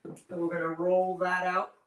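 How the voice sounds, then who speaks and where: A man's voice: sits high, completely flat delivery, normal speed. A man hosting a casual live cooking show with campy, playful drag queen banter and cheeky innuendo. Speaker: host of a cooking demonstration. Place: indoor kitchen with stone counter. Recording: roomy echo, distant mic, faint noise.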